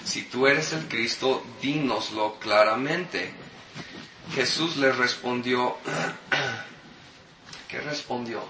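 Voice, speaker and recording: A man's voice: medium pitch, very slow, pauses often. A man in his thirties preaching a sermon, explaining scripture and asking the congregation questions. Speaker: pastor. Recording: echoey hall from far off with noise.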